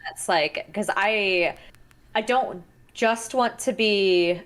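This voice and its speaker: A woman with an average-pitched voice chats as a podcast co-host. She is informal and thinks aloud, often pausing and restarting her phrases. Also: fairly bright tone. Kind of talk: casual chat.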